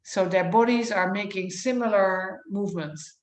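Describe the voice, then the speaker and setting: A woman's voice: medium pitch, moderate pace. A woman guest, a yoga therapist, explaining her work earnestly at length with many fillers and restarts. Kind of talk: conversational interview. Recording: echoey room.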